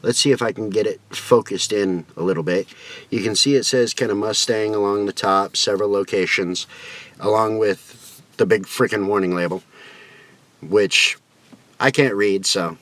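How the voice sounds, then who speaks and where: Casual male reviewer, folksy and rambling, on the low side, dry recording. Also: normal speed, fairly bright tone, dry recording. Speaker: product reviewer. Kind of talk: casual review chat to camera.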